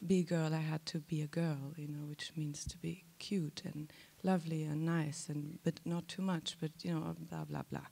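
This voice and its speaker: A woman talks into a handheld mic on a large theater stage. Her voice is gravelly with a lot of fry and stays fairly flat in pitch. She speaks candidly and playfully, with a self-deprecating touch. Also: normal speed, hardly any pauses. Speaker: actress. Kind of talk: festival panel talk.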